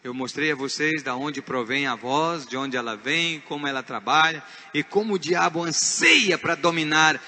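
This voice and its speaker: A man with a Brazilian Portuguese accent preaching a sermon as pastor. He is emphatic, swinging from hushed asides to shouted points. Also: a little high, moderate pace, few pauses, long reverb tail. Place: church.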